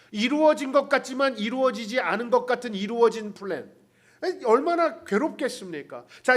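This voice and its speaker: A man's voice: extremely high pitch, fairly bright tone. A man pastor preaching a sermon in a church, telling the story with humor, acting out the characters' lines and speaking directly to the congregation. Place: church sanctuary.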